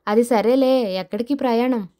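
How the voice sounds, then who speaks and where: A sinister anonymous caller in a storybook thriller, mocking and menacing as the threats are laid out slowly over the line, as a woman narrator puts the voice on. The voice sits fairly high and keeps its taunting edge. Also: mellow, lightly acted.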